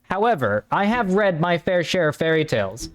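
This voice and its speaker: A man's voice: high voice, big pitch swings, normal speed. A man streaming a story game, talking in a rambling, offhand way and swearing casually. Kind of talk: casual let's-play commentary.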